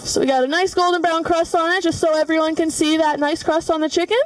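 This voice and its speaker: Speaking fast in a very high-pitched voice with fairly even intonation, a young culinary student demonstrates a recipe in a big studio kitchen, filling her step-by-step explanations with fillers. There's background noise, and she sounds distant from the microphone.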